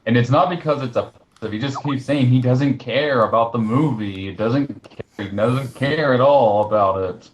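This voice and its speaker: In a recorded Skype call, a man chats casually, recounting a list in a slightly hesitant, rambling way. His voice is medium-pitched at normal speed, with slight background noise.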